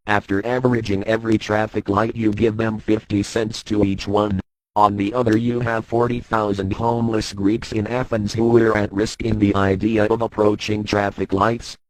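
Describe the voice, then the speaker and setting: Anonymous male narrator, disguised deep voice, monotone delivery, dry close sound. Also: dry recording, poor audio. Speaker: anonymous speaker reading a message. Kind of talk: read-out political statement.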